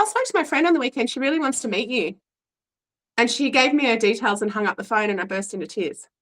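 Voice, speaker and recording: A woman's voice: mid-range voice, fairly bright tone, poor audio. An Australian woman in her forties candidly telling a personal story in a chatty, frank way. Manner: frank, chatty, restarts and fillers, acts out quoted voices.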